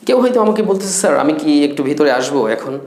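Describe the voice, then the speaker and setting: A man with a slightly high voice gives a spoken English lesson in Bengali, drawing out each English phrase and repeating it carefully. His voice rings in an echoey room. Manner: repeats English phrases slowly and carefully, lively teacherly talk. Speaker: English teacher.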